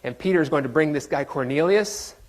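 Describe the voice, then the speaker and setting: A man's voice: on the high side, expressive, a little fast. A man preaching a sermon in a conversational, joking way, quizzing his congregation. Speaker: pastor.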